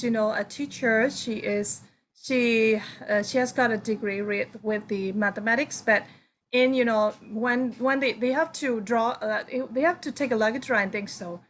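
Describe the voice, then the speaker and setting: Woman teacher, raised pitch, halting informal explanations, faintly noisy recording. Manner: halting explanations with checking "right?" and "you know". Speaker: English teacher. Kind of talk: informal class discussion. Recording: clear background noise.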